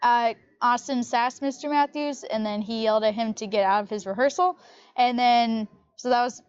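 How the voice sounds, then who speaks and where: A woman's voice: on the high side, smooth, highs cut off. A teenage girl telling a rambling story in an interview, chaining her sentences with "and then". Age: late teens. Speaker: graduating trumpet player. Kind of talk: casual storytelling.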